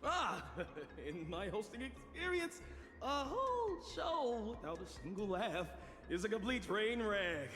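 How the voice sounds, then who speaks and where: A flippant, high, bouncy show host. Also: male voice, very animated, measured pace, sharp tone, big-room sound, faint music behind, full character voice. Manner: flippant, joking through a crisis. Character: joking male show host.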